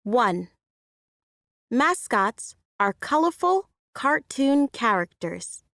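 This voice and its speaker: A woman reading numbered example sentences in a measured way for a listening exercise. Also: a little high, very animated, fairly bright tone, no echo, clean studio sound. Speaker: sentence reader.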